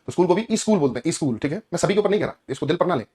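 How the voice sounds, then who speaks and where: A man's voice: a little high, animated, racing, dark tone, husky. A man teaching a grammar class to students. He explains patiently, often asks the class questions, and. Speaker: English teacher.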